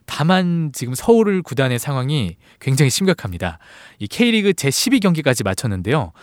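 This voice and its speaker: A male sports reporter explaining football league news to a host in a clear, explanatory manner. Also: mid-range voice, very animated, moderate pace, dry recording, clean studio sound.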